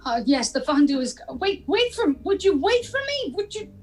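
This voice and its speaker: A woman's voice: very high voice, very animated, normal speed, a little mellow. A woman playing an anxious housemate in an improv comedy scene, flustered and repeating herself as she gets worked up.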